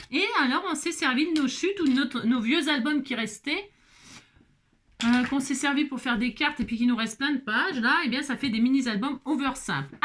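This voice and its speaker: Here the crafting vlogger has a high-pitched, fairly bright voice as she chats casually through a tutorial, exclaiming a lot and tossing in little interjections while she works.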